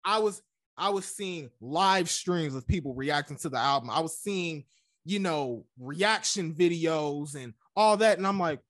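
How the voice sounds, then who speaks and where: A man joining a friend's podcast as a guest, telling lively stories about listening to music and acting out his own reactions. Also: fairly high pitch, measured pace, dry recording. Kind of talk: casual music chat.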